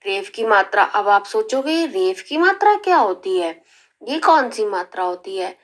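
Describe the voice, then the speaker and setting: A woman teaching young children in a slow, careful lesson style, stretching out syllables and often checking in with the class. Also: mid-range voice, big pitch swings. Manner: drawn-out syllables, frequent rising "theek hai" checks. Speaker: primary school teacher.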